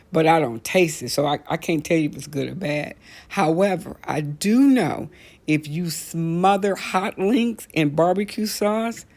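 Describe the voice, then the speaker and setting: A low-pitched, middle-aged American woman hosts a casual talk show, delivering a comedic rant full of stories. She's blunt, animated, and colloquial, repeating phrases for emphasis.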